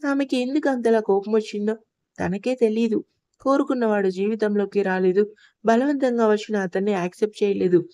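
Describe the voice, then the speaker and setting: A woman's voice: mid-range voice, brisk, mellow, dry recording. A woman telling a love story in scripted narration, reading all the roles in her own voice.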